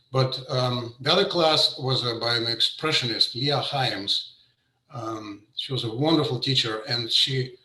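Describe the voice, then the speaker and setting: A middle-aged man from Russia, a painter giving an informal artist talk over a video call, pausing often with fillers and restarts. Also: mid-range voice, pushed and bright, roomy sound, poor audio. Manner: hesitant, many fillers and restarts. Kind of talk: informal presentation.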